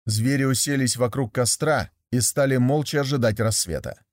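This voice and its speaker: A man narrating a fairy tale aloud in a steady, measured storytelling voice. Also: mid-range voice, dry recording, clean studio sound.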